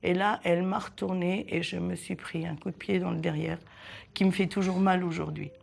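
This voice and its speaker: A woman in her sixties, born in southern Italy with Italian as her first language, recounting her childhood in a halting, reflective way with many pauses. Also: fairly low pitch, fairly even intonation, vocal fry, a little mellow. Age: 60s. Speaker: interviewee. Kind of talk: personal testimony in a documentary.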